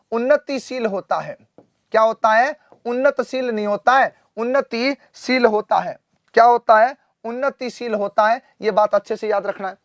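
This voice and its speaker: Throat-clearing Hindi teacher drilling students. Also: male voice, very high-pitched, a bit bright, no room sound. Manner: drills answers, repeating them and quizzing students back; clears his throat often. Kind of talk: live online exam-prep class.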